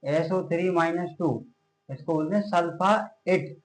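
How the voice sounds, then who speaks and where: Echoey male science teacher. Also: on the high side. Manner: repeats question-and-answer drills, slows on key terms. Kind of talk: classroom chemistry lecture at a board. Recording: echoey room.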